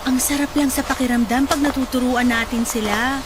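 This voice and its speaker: Acting for a radio drama, a woman voices a young charity-event volunteer who is talkative, supportive, and friendly, teasing a little and laughing a lot. Her voice sits high and brisk, close to how she normally speaks, with loud music making the background noisy.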